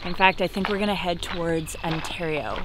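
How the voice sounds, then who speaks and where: A woman's voice: fairly low pitch, fairly even intonation, a little fast, background noise. A woman in her thirties talking to a handheld camera by a lake, friendly and plain. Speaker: family vlogger. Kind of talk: casual vlog talk to camera. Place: outdoors by a lake. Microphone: handheld camera at arm's length.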